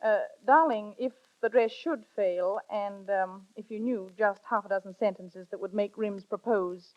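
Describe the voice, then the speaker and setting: An actress playing a worldly sister who coaxes with conspiratorial glee, in vintage radio drama style, on a dull old broadcast recording. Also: female voice, mid-range voice, measured pace, close to an everyday voice. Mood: coaxing. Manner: coaxing, playfully conspiratorial. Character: worldly older sister, scheming matchmaker. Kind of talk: 1930s radio drama acting.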